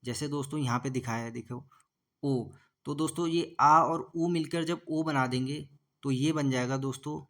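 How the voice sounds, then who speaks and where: A man's voice: medium pitch, a bit bright. A man teaching a grammar lesson for exam prep, repeating himself often and sounding out letters one by one as he explains. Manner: repetitive, calls listeners "friends" constantly, sounds out letters slowly.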